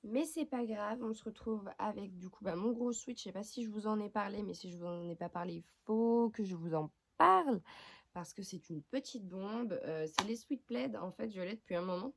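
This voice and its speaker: A young beauty vlogger talks to camera from her bedroom at night about her skincare routine, chatty, frank and self-mocking, sometimes dropping to a whisper. Her mid-range voice is gravelly and moves at a normal speed. She holds her phone camera without a tripod, and there's a little hiss or hum.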